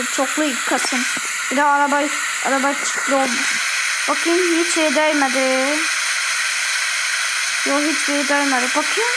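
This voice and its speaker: A woman's voice: high voice, very noisy. A woman with an Azerbaijani accent giving chatty, repetitive gameplay commentary and keeping up a running talk with her viewers. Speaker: gaming video host.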